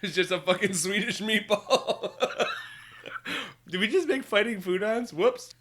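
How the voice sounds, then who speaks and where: High, bright-voiced man rambling casually. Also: measured pace. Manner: rambling, hesitant, swears casually. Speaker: podcast co-host. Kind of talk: casual brainstorming chat.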